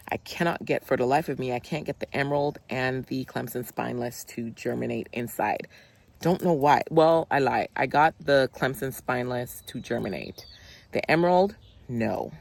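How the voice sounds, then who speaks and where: A gardening channel host chatting excitedly to viewers while planting in a backyard garden. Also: mid-range voice, creaky. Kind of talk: casual gardening vlog.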